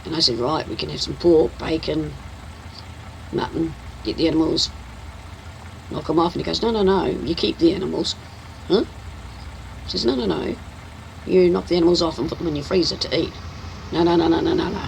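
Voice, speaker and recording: An older woman from New Zealand live-streams a farming game, casually teasing and narrating her driving in a deep, croaky, darkish voice. She talks fairly quickly but pauses often, and the rough recording carries slight background noise.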